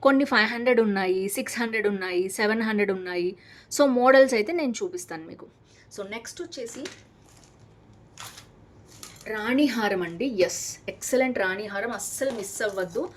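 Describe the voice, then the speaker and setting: Fast-talking chatty Telugu woman vlogger. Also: medium pitch. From Hyderabad, India. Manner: chatty, enthusiastic, mixes English words into Telugu. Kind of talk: casual product unboxing vlog.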